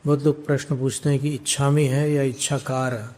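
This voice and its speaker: A man, a monk, chanting prayers in a drawn-out way and then explaining scripture in a calm teaching sermon. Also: mid-range voice, slight background noise. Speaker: Jain monk giving a discourse.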